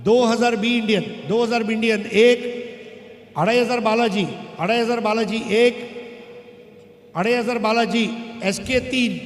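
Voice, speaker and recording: High-pitched man chanting auction bids, echoing hall. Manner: repetitive, clipped calling of bids and counts. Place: large echoing room at a live event. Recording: echoey hall with long reverb.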